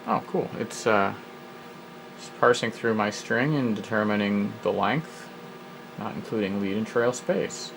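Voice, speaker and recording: Muttering through the prompts of an old program, this retro computing host muses aloud with dry humor in a casual walkthrough. He speaks in a lowish, creaky voice, unhurried and pausing often, against a noisy background.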